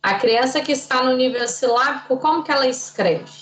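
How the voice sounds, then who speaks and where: A woman's voice: high voice, brisk, fairly bright tone, echoey room, low-quality recording. A woman teaching an online class, patient and didactic, quizzing her students.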